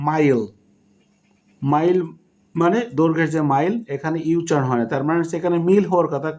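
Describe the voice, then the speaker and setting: A man giving a spoken English lesson, explaining slowly and breaking words into syllables. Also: fairly high pitch, darkish tone. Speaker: English teacher.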